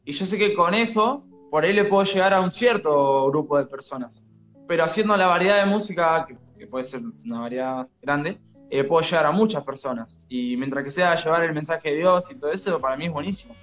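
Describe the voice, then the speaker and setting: A young man speaks in a voice a little higher than most men's. He sounds shy but friendly and earnest as he chats casually about his music. Soft music plays faintly behind him. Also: fairly quick. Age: young adult. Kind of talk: casual interview chat.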